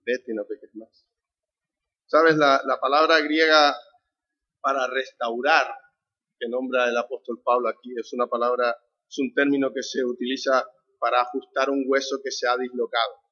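A man from the Canary Islands with a Canarian Spanish accent preaches a conversational sermon, putting questions to the congregation and telling a family anecdote. His medium-pitched voice is bright and forceful, with a steady tone at a moderate pace. The recording is dull and lo-fi.

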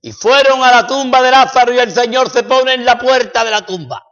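A man from preaching a sermon, swinging dramatically between loud declarations and hushed passages. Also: very high voice, brisk. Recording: echoey hall, dull lo-fi sound.

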